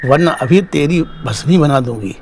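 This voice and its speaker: A man's voice: fairly high pitch, animated, a little slow, a little mellow, slight background noise. A man voicing a fierce, protective middle-aged mother who scolds and commands in a horror story.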